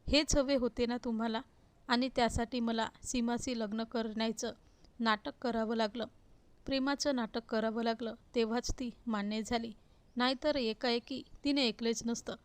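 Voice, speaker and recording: A woman's voice: a little high, fairly even intonation, moderate pace, smooth, no echo, natural voice. A woman reading the lines of a cruel, arrogant young husband who talks scornfully and gives orders. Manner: scornful, commanding.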